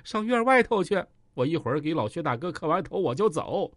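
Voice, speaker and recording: A man's voice: a little high, big pitch swings, fairly quick, slightly rough, dry recording, clean studio sound, full character voice. A man voicing a cowardly, fawning male gang boss who stammers and pleads. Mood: panicked.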